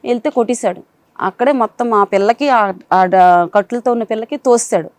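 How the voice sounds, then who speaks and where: A woman's voice: on the high side, a little fast, no echo. A woman telling a panel of counsellors about her marriage, in a rambling, polite way. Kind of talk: emotional account to counsellors.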